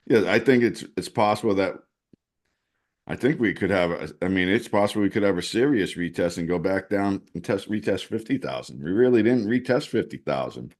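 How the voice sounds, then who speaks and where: Co-hosting a casual crypto show, a man analyzes screen-shared charts and thinks out loud, restarting often. His voice is low-pitched, a little mellow, and fairly quick.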